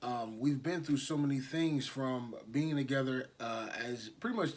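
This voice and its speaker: A man's voice: mid-range voice, moderate pace. Laid-back man co-hosting a podcast. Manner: laid-back, rambling, lots of fillers. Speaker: podcast co-host. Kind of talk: casual chat.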